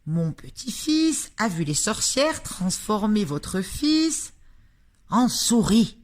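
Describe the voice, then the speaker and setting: Older grandmother, patient and firm, slow measured lines, put on by a woman narrator. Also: medium pitch, big pitch swings, pitched above the performer's own voice. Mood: insistent. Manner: patient, deliberate. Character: old grandmother, calm and firm.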